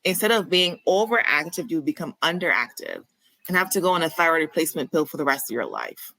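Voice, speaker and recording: A woman from Barbados, a physician guest on a podcast, explaining clearly and speaking candidly. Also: sits low, big pitch swings, fast talker, bright, forceful tone, dry recording, low-quality recording. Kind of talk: conversational podcast interview.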